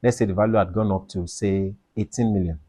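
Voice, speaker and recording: Male tax explainer, low-pitched, emphatic and repetitive, dry booth-like recording. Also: fairly even intonation, fairly quick, mellow, dry recording. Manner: emphatic, repeats key points, asks and answers own questions. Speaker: tax educator. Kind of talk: explainer video lecture.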